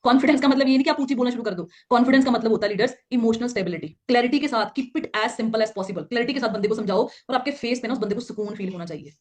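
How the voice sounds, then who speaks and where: A woman runs through a training talk at a very rapid clip, her voice sitting a little high. She teaches point by point, keeps checking in with her listeners, and slips into a pleading voice to act out example lines. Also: darkish tone. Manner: acts out quoted examples in a pleading voice; explains by points, with frequent checks like "ठीक है". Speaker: network marketing trainer. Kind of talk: slide-based training talk.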